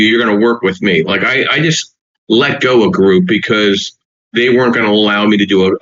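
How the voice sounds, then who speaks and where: A man's voice: fairly low pitch, a bit bright, highs cut off. A man hosting a real estate podcast, reading short punchy points and then chatting loosely with restarts. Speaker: podcast host. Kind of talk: podcast talk, partly read notes.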